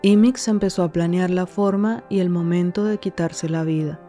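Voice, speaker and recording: A woman reading scripted podcast narration in a measured, calm way. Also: fairly low pitch, soft background music.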